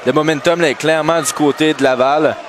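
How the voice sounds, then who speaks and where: A man's voice: fairly high pitch, fairly even intonation, fairly quick, noisy background. A man with a Québécois French accent giving short colour commentary on a hockey game, often trailing off with a tag word. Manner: short reactions, frequent trailing "là". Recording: very loud crowd and music behind. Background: loud arena crowd and music.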